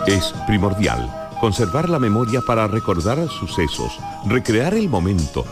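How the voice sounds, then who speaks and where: A man reading a scripted radio program introduction in a solemn, measured way. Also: on the low side, wildly swooping pitch, over music. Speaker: program announcer. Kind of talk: scripted promo narration.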